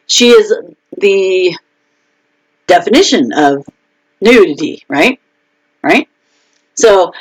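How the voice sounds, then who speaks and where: Speaking in a mid-range voice over a rough recording, a female author talks casually on her personal live video, working through her frustrations amid fillers and restarts.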